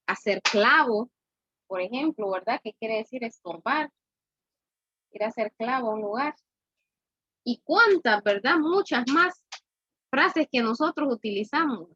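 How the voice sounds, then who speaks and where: A woman's voice: a little high, pushed and bright, husky, no echo. Female teacher, patient and repetitive, always asking "¿verdad?"; muffled, dry recording. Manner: explains slowly, keeps asking "¿verdad?". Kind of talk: classroom lesson.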